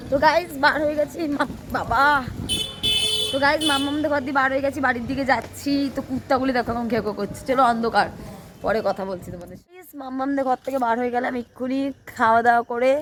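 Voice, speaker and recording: Hoarse young woman, rapid chatty vlog delivery, highish voice. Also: a little hiss or hum. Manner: chatty, rambling, addresses viewers directly. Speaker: vlogger. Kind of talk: casual vlog narration to camera.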